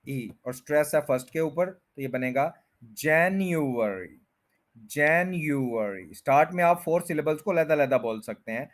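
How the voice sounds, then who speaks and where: A man teaching English pronunciation, patiently breaking words into syllables and repeating them slowly. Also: on the high side. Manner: patient, repetitive drilling. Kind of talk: explanatory language lesson.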